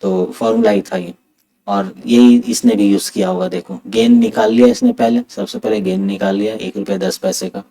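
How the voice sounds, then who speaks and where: A man teaching an exam-prep math lesson, talking softly on purpose late at night at home and mixing Hindi with English. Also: medium pitch, very animated, normal speed, vocal fry, poor audio. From India.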